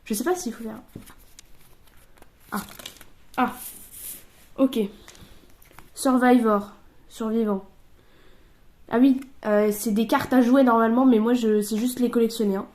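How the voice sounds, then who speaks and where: Young woman, casual streamer, high voice, slow unhurried talk, chatty, halting English asides. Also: steady tone, darkish tone. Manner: chatty, thinking aloud, switching into halting English. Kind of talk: casual livestream, opening card packs. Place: at home at a table.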